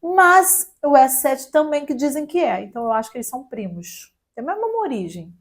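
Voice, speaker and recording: A young woman with a Brazilian Portuguese accent teaches German in a relaxed, chatty way. Her voice sits a little high, and she stretches out letters as she spells them. Now and then she slips in a light joke. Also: fairly quick. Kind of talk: casual online language lesson.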